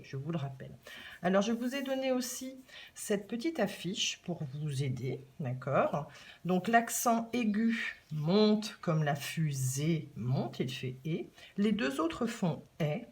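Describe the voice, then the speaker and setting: A woman with a French accent teaching young children handwriting, patiently repeating and stretching key words. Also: medium pitch. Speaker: primary school teacher. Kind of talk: remote handwriting lesson for children.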